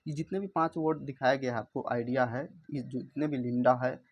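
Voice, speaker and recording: A man with an Indian accent, teaching from an English vocabulary book, reading lines slowly and then explaining them, repeating words aloud to drill pronunciation. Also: mid-range voice, steady tone, lo-fi sound.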